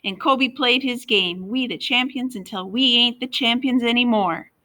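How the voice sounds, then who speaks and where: A man's voice: very high voice, moderate pace, sharp tone, voice pushed up, full character voice. A woman voicing a smug teenage boy who imitates a star athlete, in a read-aloud story.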